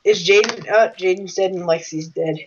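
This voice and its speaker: A woman's voice: on the low side, normal speed, slight background noise. A woman talking casually with a friend as she plays a game. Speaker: gamer. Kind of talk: casual gaming chat during play. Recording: dull lo-fi voice chat.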